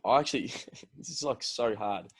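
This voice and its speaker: A man's voice: mid-range voice, normal speed, breathy edge. A man in his late teens with an Australian accent, co-hosting in casual chat and emphatically repeating his phrases. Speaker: podcast co-host.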